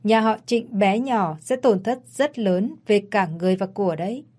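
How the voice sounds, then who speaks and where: A woman's voice: medium pitch, normal speed, a little mellow, natural voice. Woman reading a cocky, domineering man. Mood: cold, mocking. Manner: mocking and domineering. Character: cold, cocky rich man in glasses.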